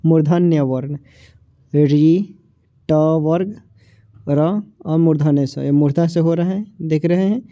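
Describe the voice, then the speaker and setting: Dark-voiced man teaching exam grammar. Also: a little high, slow, long pauses, no echo. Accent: Hindi of Bihar. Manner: repetitive, asks and answers his own questions; drags out sounds when saying them. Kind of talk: exam-prep grammar lesson. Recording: dull, dry, lo-fi voice recording.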